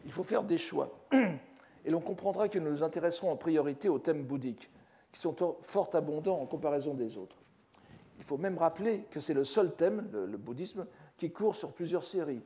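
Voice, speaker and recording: Older male professor, mellow measured lecture. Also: a little high, lively intonation. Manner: measured, scholarly, with frequent restarts and "n'est-ce pas". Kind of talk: academic lecture. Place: lecture hall.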